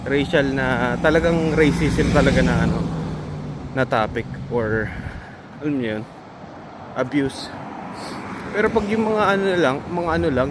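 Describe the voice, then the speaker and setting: A man's voice: fairly high pitch, very noisy. A Filipino man giving casual, earnest advice to fellow nurses in a vlog, reassuring and full of hesitant fillers.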